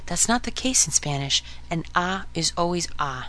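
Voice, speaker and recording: A woman hosting a podcast lesson on Spanish pronunciation, modeling each sound slowly and clearly for listeners to repeat. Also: fairly low pitch, expressive, pushed and bright. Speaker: Spanish teacher.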